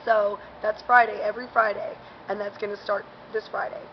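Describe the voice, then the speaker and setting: A woman's voice: medium pitch, flat delivery, a little fast, muffled recording, slight background noise. A woman hosting a casual local events vlog, talking in a chatty, upbeat way with lots of fillers, outdoors in a parking garage while chewing gum. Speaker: host.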